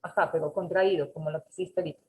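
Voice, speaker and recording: A woman's voice: sits low, fairly even intonation, rapid-fire, dark tone, poor audio. A woman teaching an English class over a video call, patiently correcting students and mixing with English. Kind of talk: online class instruction.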